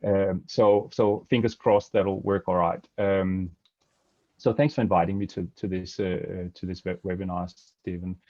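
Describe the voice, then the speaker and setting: A middle-aged Danish man with a Danish accent gives a webinar talk as a guest speaker from his home office, using a headset. His deep, dark voice has fairly even intonation and a normal speed, and he's hesitant, with many fillers and restarts. The video-call audio is dry and dull, with no echo.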